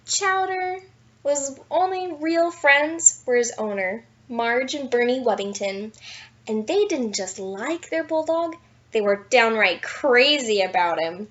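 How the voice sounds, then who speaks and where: Reading a children's picture book as a bedtime story, a high-voiced woman storyteller speaks slowly, playfully and expressively, adding asides and stressing key words for dramatic effect. The recording is slightly dull and lo-fi, much like a basic home setup.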